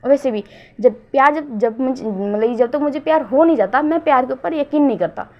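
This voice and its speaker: A woman's voice: high voice, a little fast, natural voice. A woman reading as a shy bashful young man. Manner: hesitant, repeats words. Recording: dull lo-fi recording.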